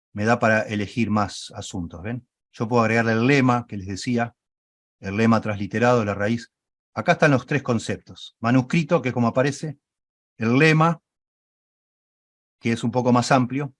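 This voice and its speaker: A man leads an online Bible study class, talking his listeners through software on screen. He explains patiently, keeps checking that they follow, and corrects himself as he goes. His voice sits at an ordinary male pitch in a dry, close recording. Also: no echo.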